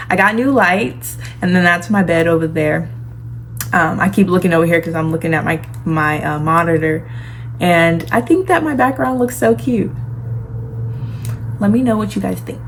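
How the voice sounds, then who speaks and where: Beauty vlogger girl, lowish voice, lispy from her retainer, chatty tutorial talk, noticeable room noise behind her. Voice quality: lisp from wearing a retainer. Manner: girly, familiar asides to viewers. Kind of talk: casual chatty makeup tutorial. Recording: clear background noise, room ambience.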